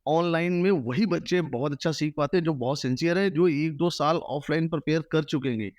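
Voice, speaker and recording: Man, maths teacher, interview answers, earnest advice, higher voice, dry room. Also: a little fast, a little mellow, no echo. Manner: earnest, advising students directly.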